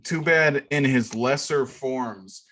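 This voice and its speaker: A man's voice: mid-range voice, takes it slowly, a bit bright. A man co-hosting a casual podcast chat, sarcastic and profane, mocking what he discusses. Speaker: podcast co-host.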